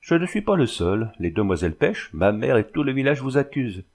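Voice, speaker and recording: A man's voice: medium pitch, big pitch swings, a little fast, a little mellow. Male reader voicing an insistent, suspicious young suitor in a storybook reading. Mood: accusing. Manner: pleading and insistent. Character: suspicious pleading young man, her cousin.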